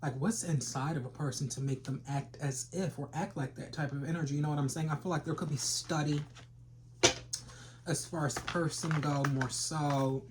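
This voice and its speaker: A man's voice: a little high, steady tone, normal speed, very noisy. A man giving a rambling, casual tarot reading full of slang and repeated phrases. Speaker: tarot reader.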